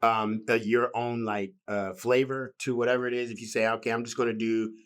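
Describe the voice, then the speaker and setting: A man's voice: medium pitch, little pitch movement, a little fast, clear, resonant tone. A man, a real estate agent, chatting casually as a podcast guest in a laid-back, slangy way.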